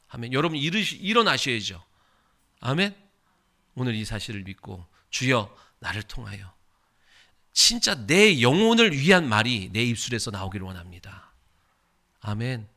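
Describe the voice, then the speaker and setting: Man, pastor, sermon and prayer, bright ringing tone, emphatic delivery. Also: on the low side, gravelly. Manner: emphatic preaching, swells loud in prayer.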